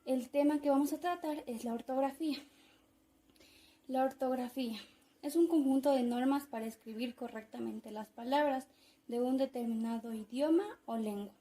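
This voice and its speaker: A young woman, a university student reading a class presentation carefully and in measured steps. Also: sits high, warm tone. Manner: careful, measured reading of definitions and word lists. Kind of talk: read-aloud class presentation.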